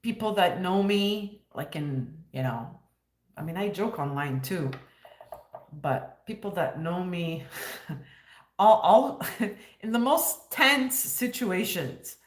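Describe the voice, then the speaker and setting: A woman's voice: on the low side, expressive, slow, pauses often, echoey room. A woman in her fifties hosting a casual livestream, joking and sarcastic, laughing often. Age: 50s. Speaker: livestream host.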